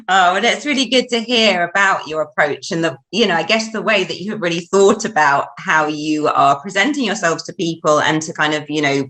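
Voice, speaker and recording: An eating disorder therapist hosts a podcast, first reading a scripted intro, then chatting warmly with a guest and laughing often. Her voice is fairly low, her speed normal, and the recording quality low.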